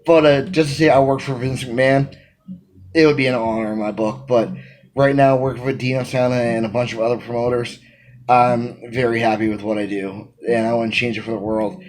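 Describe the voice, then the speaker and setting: A man's voice: mid-range voice, brisk, poor audio. A man in his thirties, a wrestling manager answering interview questions he reads aloud, talking emphatically into a phone camera in a small room at home. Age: 30s. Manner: energetic, emphatic, gestures a lot. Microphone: phone camera at arm's length.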